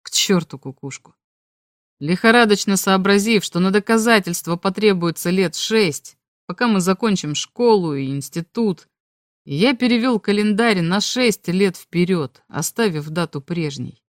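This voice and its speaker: A woman reading a novel aloud as an audiobook, telling a first-person story in a calm, even way. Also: medium pitch, moderate pace, no echo, studio quality. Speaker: audiobook reader. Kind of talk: scripted narration of a novel.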